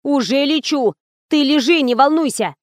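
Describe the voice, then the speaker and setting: A young actress friend, grumbling and fussy, with a high bright voice, as a woman reader performs her. Close, dry sound with no echo. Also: normal speed, lightly acted. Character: young actress friend, sleepy then fussing.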